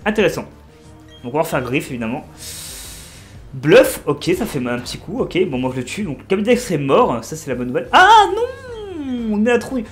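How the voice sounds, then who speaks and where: A man in his twenties giving casual, excitable commentary while playing a video game and talking to his viewers. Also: on the high side, fairly quick, faint music behind. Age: 20s. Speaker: let's play streamer.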